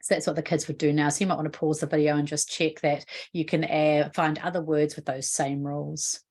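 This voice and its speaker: A woman's voice: deep voice, little pitch movement, brisk, darkish tone, breathy edge. A woman with a New Zealand accent explaining a spelling rule in an instructional video lesson, patient and explanatory, often asking the viewer questions. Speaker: literacy educator.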